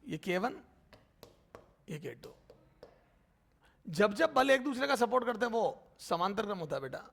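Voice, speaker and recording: High gravelly male physics teacher. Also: big pitch swings, fairly bright tone. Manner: addresses students as beta, asks and answers their questions himself; repeats terms slowly while writing. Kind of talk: blackboard physics lecture.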